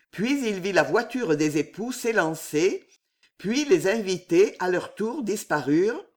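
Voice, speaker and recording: Slow dramatic male audiobook narrator. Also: high voice, fairly bright tone. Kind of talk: scripted narration of a novel.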